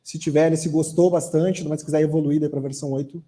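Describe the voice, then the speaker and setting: A man with a mellow, warm voice answers an audience question at a tech conference. He explains at an easy pace and often ends his phrases with a questioning tag. His voice sits a little high for a man. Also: a little fast. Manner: explanatory, relaxed, frequent "né?" tags. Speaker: software architect speaker.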